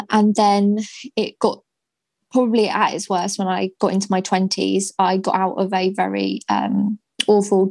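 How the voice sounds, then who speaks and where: A young woman in her twenties, speaking as a podcast guest about her own life. Her voice has a gravelly, fry-edged grain and stays level in pitch, moving slowly and hesitantly with frequent ums. The sound is close and dry, with no room around it. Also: darkish tone, no echo. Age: 20s. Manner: slow, hesitant, with many ums. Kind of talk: candid personal story in a podcast interview.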